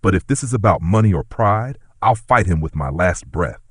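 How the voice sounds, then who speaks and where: A man's voice: low voice, lively intonation, moderate pace, husky, no echo, studio quality. A man reading as a defiant dying old millionaire.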